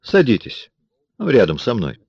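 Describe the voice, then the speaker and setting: A man's voice: medium pitch, huge pitch swings, moderate pace, creaky, a little mellow, breathy edge, dry recording, highs cut off, voice pushed up, heavily acted. A man voicing Corydon, coolly taunting. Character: cold, mocking man forcing himself on a woman. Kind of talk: audiobook character reading.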